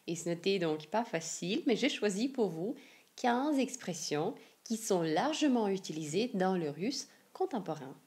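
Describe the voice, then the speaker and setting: A woman from Siberia with a Russian accent gives a careful language lesson, saying each example phrase slowly and repeating it clearly. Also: mid-range voice, big pitch swings, darkish tone. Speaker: language teacher.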